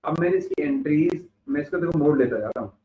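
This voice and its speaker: A fast-talking instructor with a fairly high, expressive voice lectures in an echoey classroom, breaking ideas into steps and asking rhetorical questions. He's recorded from far off on a phone-like mic, with a little hiss or hum.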